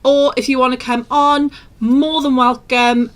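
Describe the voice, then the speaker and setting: A woman co-hosting a podcast, chatting casually with quick asides. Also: high voice, little pitch movement, a bit bright. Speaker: podcast co-host. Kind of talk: casual chat.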